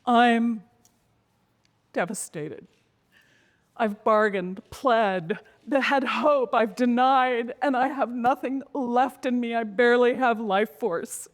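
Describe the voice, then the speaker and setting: A woman telling a dramatic personal story in a slow, intense way, sometimes sinking to a whisper. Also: fairly high pitch, in a large hall. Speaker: speaker.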